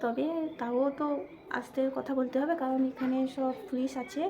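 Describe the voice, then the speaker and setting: A woman from hosts a casual makeup tutorial vlog at home, speaking softly on purpose. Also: sits high, little pitch movement, moderate pace. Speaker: vlogger.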